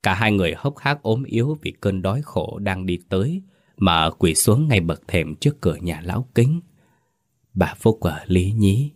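A man's voice: deep voice, lively intonation, moderate pace, dry recording, studio quality. A man giving dramatic, scripted narration of a horror story.

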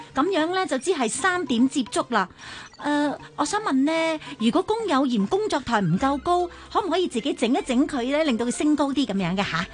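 A very high, whiny wife. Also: female voice. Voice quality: whiny, pleading. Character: whiny fussy wife in middle age. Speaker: wife in a safety radio drama. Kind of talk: radio drama acting.

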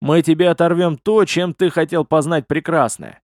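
A man voicing a furious young female student in an audiobook, yelling shrill threats. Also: steady tone, moderate pace, no room sound, studio quality, close to an everyday voice. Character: furious young woman student chasing the hero.

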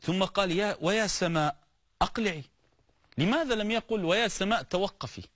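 A man preaching a sermon on the prophets, animated and explanatory, often urging the listener to listen and giving everyday examples. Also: high-pitched, fairly quick, no echo.

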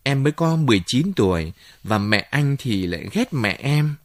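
A man voicing a young woman of nineteen who is giddy and in love, speaking in a raised, excited voice. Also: mid-range voice, normal speed, dry recording, studio quality, natural voice.

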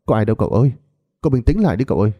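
A humble servant coaxing his master to calm down, quick and deferential, as a storyteller voices him. The tone is dark and mellow with lively pitch. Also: dry recording, soft background music. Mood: soothing. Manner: soothing, deferential. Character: anxious male servant, deferential.

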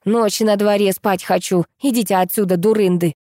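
Cranky old granny in an audiobook, loud and mellow, as a woman reader plays her. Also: mid-range voice, fairly even intonation, fairly quick, dry recording, clean studio sound, lightly acted. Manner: cranky, shouting. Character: grumpy sleepy old grandmother.

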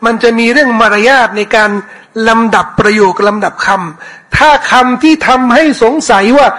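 A man teaching a commentary lesson on scripture, answering questions in a casual way, repeating words and reciting verses slowly. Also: very high voice, sharp tone, low-quality recording. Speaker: Islamic teacher.

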